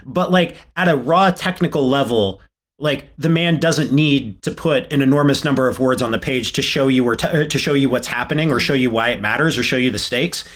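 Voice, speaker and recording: A man's voice: mid-range voice, a little fast. A man co-hosting a podcast in casual chat, rambling with lots of fillers. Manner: rambling, many fillers and restarts. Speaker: podcast co-host.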